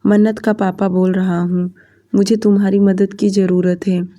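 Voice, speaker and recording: A woman's voice: medium pitch, little pitch movement, moderate pace, dark tone, lightly acted. A woman narrator voicing a worried middle-aged father who hesitantly asks for help in an audiobook story. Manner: hesitant, pleading.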